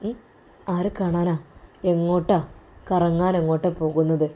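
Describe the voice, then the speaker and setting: A woman's voice: fairly low pitch, little pitch movement, moderate pace, warm tone, voice pushed down, lightly acted. A woman doing a harsh, bossy older brother. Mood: suspicious. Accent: Malabar Malayalam. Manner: interrogating, commanding.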